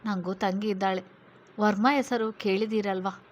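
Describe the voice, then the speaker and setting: A woman voicing a protective male police officer who reassures a frightened witness in a steady, firm way. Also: mid-range voice, moderate pace, natural voice. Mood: reassuring.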